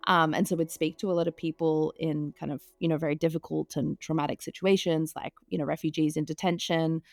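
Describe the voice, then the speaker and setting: A woman hosting a reflective podcast conversation, speaking with a very low voice and plenty of vocal fry. She talks thoughtfully and keeps her delivery conversational. The sound is close and dry. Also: no room sound. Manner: thoughtful, with many soft fillers. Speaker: podcast host.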